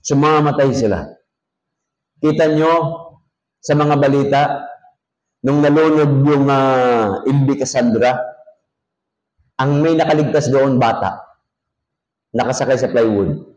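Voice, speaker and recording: A male pastor with a Filipino accent preaching a sermon in an air-conditioned church. He jokes with the congregation, and his voice rises to a near shout when he reads scripture. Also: mid-range voice, muffled recording. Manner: folksy, joking asides to the congregation.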